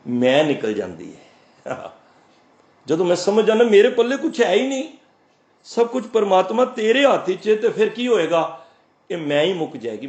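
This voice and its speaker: A man giving a sermon, his voice fairly high for a man. He draws out the verses he quotes, then explains them plainly. The room around him is echoey. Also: a little mellow. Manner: explains verses slowly, chants quoted lines, asks and answers his own questions. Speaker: Sikh preacher. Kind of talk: scripture exposition.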